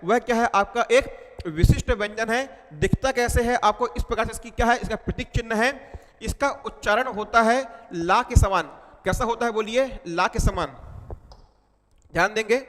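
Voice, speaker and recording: A man with a high voice gives an exam-prep lecture, going over each point several times and quizzing the class with questions as he goes. His voice rings with a long reverb, as if in a big hall. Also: a bit bright. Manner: repetitive, quizzing students with questions. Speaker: teacher.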